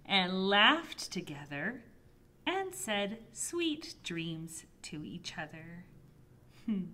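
A woman librarian reading a picture book aloud to toddlers, gently and expressively. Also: lowish voice, a little hiss or hum. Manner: gentle, expressive storybook reading with soft voices for characters. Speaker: children's librarian. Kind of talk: toddler storytime read-aloud.

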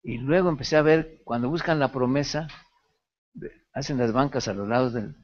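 A man teaching a pastoral ethics class, telling a lively story from his own past with laughter. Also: medium pitch, moderate pace, lo-fi sound. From Mexico. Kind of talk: sermon-style lecture.

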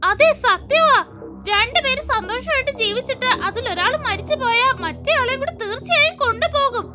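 A woman's voice: very high voice, expressive, moderate pace. A woman voicing a superstitious young friend who warns of spirits. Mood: warning. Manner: earnest, alarmist. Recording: loud music behind voice.

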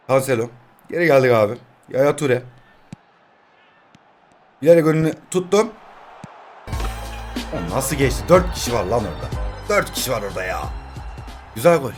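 A man in his twenties commentating his own mobile football match, swinging between shouting at his players and quiet muttering. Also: medium pitch. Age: 20s. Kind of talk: live gameplay commentary.

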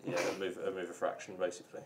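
A man's voice: low voice, monotone, fast talker. A man chatting casually as he plays a tabletop game in a studio. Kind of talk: casual chat during play. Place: indoor studio at gaming table. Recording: clear background noise, table clicks.

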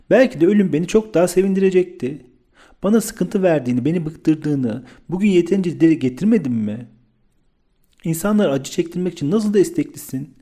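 A feverish, bitter young man pleads to be left alone, as a man reads him in an audiobook. The tone is mellow and warm, rising into pleading outbursts. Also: a little high.

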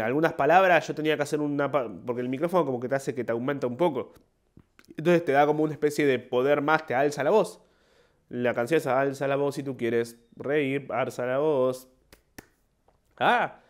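Rambling young Argentine man. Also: mid-range voice. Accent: Argentine Spanish. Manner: rambling, self-mocking, acts out short quoted voices. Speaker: podcast host and comedian. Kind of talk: casual monologue.

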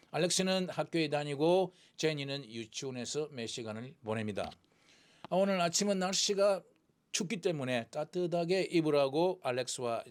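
A man teaching everyday English in Korean, repeating English phrases for practice. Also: on the high side. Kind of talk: English lesson lecture.

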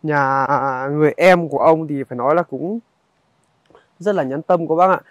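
A young man, narrating a casual outdoor vlog in a halting, conversational way and speaking directly to viewers. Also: on the high side, no room sound, dull audio. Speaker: vlogger. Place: outdoors in a highland village.

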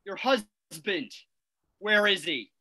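A woman's voice: mid-range voice, animated, takes it slowly, exaggerated voice. A woman reading the part of a frantic, panicked twenty-one-year-old man in a play reading. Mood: tense. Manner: frantic shouting, pleading.

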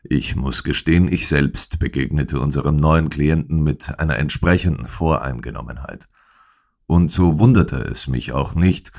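A male narrator reads a detective audiobook in the first person, his voice extremely low. He tells the story measured and dry, recorded close on a studio microphone.

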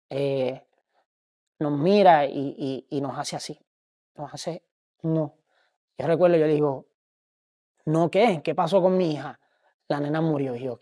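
A man in his thirties with a Puerto Rican accent, giving a personal faith testimony, halting and grieving with many pauses. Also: a little high, dark tone. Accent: Puerto Rican Spanish. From Puerto Rico. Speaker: testimony speaker.

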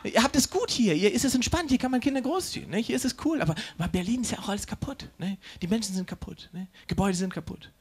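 A man doing a stand-up routine on stage, brash and mocking, with quick asides to the crowd. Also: sits high, expressive, husky. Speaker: stand-up comedian. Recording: live stage with faint background noise.

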